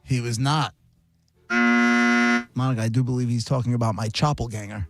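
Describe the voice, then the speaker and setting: A man hosting a call-in radio show, brisk and teasing as he handles callers. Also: medium pitch, steady tone, no room sound, soft background music. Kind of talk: casual call-in radio banter.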